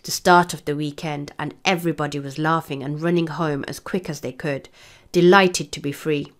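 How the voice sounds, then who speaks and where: A woman English teacher reading a novel aloud to her class in a steady storybook manner. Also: sits low.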